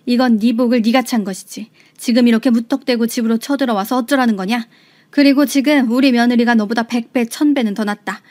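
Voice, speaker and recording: A woman voicing a stern older mother-in-law who scolds forcefully. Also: on the high side, fairly quick, lightly acted. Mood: cold.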